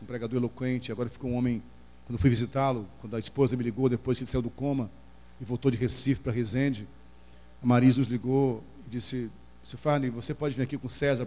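Brazilian pastor preaching in a reverberant hall. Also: male voice, warm tone. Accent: Brazilian Portuguese. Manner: emotional storytelling, acting out voices with sudden high cries. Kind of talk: sermon. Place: church hall. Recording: long hall reverb, faint hum.

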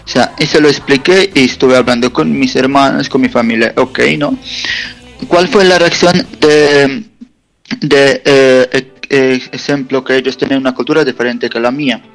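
A man calling in to a radio talk show over a phone line, speaking earnestly and haltingly and posing rhetorical questions. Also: medium pitch, fairly even intonation, soft background music. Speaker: caller. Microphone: phone call over a messaging app.

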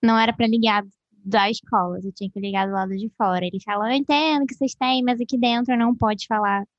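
Woman, co-host, earnest explainer, slightly high voice, dry close sound. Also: steady tone, quick pace, no echo, lo-fi sound. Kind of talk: casual chat.

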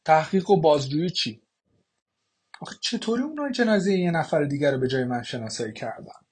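A man reading an audiobook, voicing a middle-aged mother who is bitter and grieving, in a husky voice. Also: on the high side, animated. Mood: upset.

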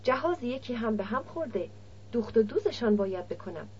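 A woman's voice: a little high, very animated, a little hiss or hum. Woman reading as a shrewd village middleman. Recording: dull lo-fi recording.

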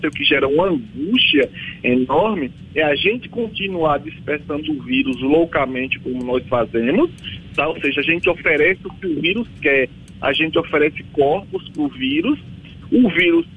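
Husky Bahian Brazilian man, higher-pitched voice. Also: phone-quality sound. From Bahia backlands, Brazil. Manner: emphatic, colloquial, checks listener understands. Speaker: vaccine researcher, interview guest. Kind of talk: informal expert interview.

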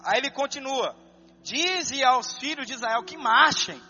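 A Brazilian man preaching a sermon as pastor, moving between calm scripture reading and loud, fervent exhortation, and acting out talks with church members. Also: very high voice, unhurried, big-room sound, dull audio, soft background music. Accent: Brazilian Portuguese. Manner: acts out dialogue with congregants.

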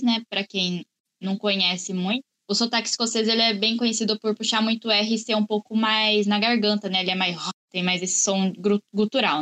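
A woman's voice: medium pitch, fairly bright tone. A woman in a casual film discussion, chatty and explaining at length.

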